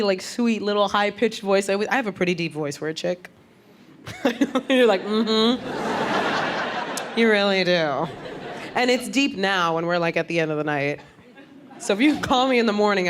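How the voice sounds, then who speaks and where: Animated woman doing stand-up over laughter. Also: mid-range voice. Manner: animated storytelling, laughing at her own jokes. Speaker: stand-up comedian. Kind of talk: stand-up comedy. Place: comedy club stage. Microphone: handheld stage mic. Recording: noisy club with crowd laughter. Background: audience laughter.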